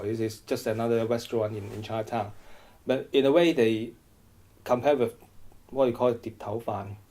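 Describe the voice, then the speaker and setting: A middle-aged man from Hong Kong answers questions in an oral history interview, hesitating, restarting often and repeating words. His voice is mid-range and warm.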